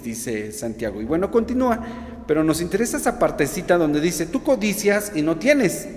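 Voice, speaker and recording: Man preaching in an echoey hall. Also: fairly high pitch. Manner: prays then teaches, asks the audience questions. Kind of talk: sermon. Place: church hall. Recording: echoey hall, long reverb.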